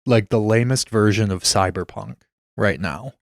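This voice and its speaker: Man, podcast co-host, dry joking chat, lowish voice, dead dry sound. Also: normal speed, creaky, no room sound. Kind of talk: casual chat.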